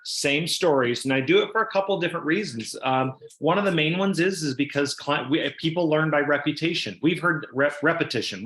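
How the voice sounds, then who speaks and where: A man's voice: on the high side, fairly bright tone, reverberant. A man giving sales training on a video call, talking casually and repeating himself as he acts out customers.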